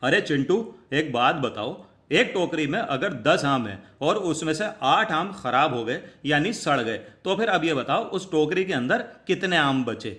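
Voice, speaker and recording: A man speaking as a male schoolteacher who slowly quizzes a pupil with a riddle. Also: on the high side, lively intonation, fairly bright tone. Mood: quizzing.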